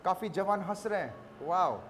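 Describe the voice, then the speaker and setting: A man preaching a sermon in a very high voice, his words ringing with the long reverb of a hall. He is an emphatic pastor who acts out little dialogues and drops English phrases into his preaching. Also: lively intonation, unhurried, fairly bright tone, slight background noise. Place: church service in a rented hall.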